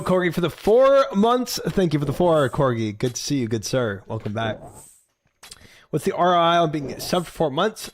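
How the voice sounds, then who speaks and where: A man's voice: fairly high pitch, slight background noise. Chatty male streamer reacting. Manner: chatty, offhand interjections. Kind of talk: casual live-stream reaction chat.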